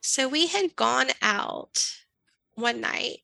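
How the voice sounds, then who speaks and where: A woman's voice: sits high, expressive, gravelly, sharp tone, no echo, faint music behind, rough recording. A woman as an interview guest, telling a personal story candidly with lots of "I was like.". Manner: candid, fast-flowing storytelling with frequent "I was like".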